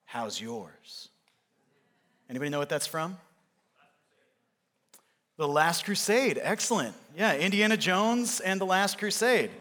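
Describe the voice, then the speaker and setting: A man's voice: sits high, moderate pace, long pauses. A man preaching a sermon in a church, talking conversationally and acting out movie lines as he tells a story. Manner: conversational, animated storytelling with acted-out movie quotes. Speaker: pastor. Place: church sanctuary.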